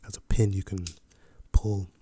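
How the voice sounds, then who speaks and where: A man playing a laid-back, chatty fragrance salesman in a soft, breathy ASMR role-play for ASMR, with an unhurried, casual patter. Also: deep voice, flat delivery.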